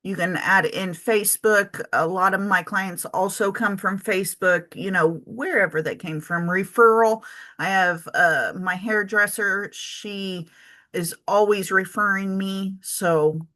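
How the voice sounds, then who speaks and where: Woman, casual tutorial, slow unhurried delivery, chatty with frequent ums, talks while she types. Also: mid-range voice, fairly bright tone. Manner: chatty, thinks aloud with many ums and self-corrections. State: has the hiccups. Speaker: travel business owner teaching spreadsheets. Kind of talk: casual screen-share tutorial.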